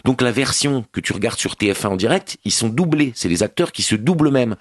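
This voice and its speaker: A man's voice: mid-range voice, expressive, fairly quick, dry recording. A man giving a sarcastic, slangy, scathing TV review as a columnist on a radio morning show, recorded in a radio studio.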